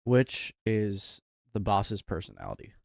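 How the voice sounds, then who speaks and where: Guy streaming his coding, mutters to himself, kinda low and slow, dry sound. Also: wildly swooping pitch, gravelly, a little mellow, no room sound. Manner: thinking aloud, mumbling, trailing off. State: talking with his mouth full. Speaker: livestreamer. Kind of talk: casual livestream while coding.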